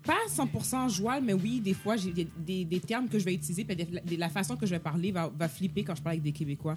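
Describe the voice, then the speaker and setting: Fast-talking woman. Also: lowish voice, over music. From Quebec. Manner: quick, personal storytelling with fillers. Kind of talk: casual podcast chat.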